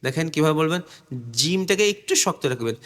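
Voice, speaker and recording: A man's voice: on the high side, lively intonation, a bit bright. A man teaching Arabic letter pronunciation, drilling syllables over and over and explaining step by step where the tongue and lips go. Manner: drills syllables slowly, repeating them many times; explains step by step, asks the viewer to watch his tongue. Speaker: Quran recitation teacher. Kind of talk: pronunciation lesson.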